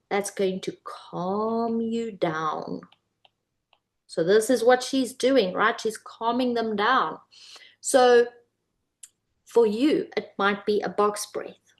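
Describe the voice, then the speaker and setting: A woman's voice: medium pitch, a little mellow. A woman coach teaching viewers, coaxing them with many questions and talking beside a whiteboard indoors. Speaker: manifestation coach. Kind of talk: instructional video talk.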